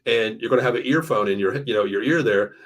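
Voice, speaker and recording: A man co-hosting a casual sports talk show, excitable and rambling, who gets hyped up as he talks. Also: medium pitch, fast. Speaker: podcast co-host. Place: home.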